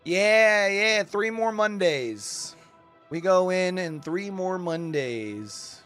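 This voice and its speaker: A high-voiced man hosting a live watch party, chatting easily with his chat and greeting viewers by name. His voice comes through a livestream headset mic, with faint music playing underneath. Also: lively intonation, takes it slowly, a bit bright.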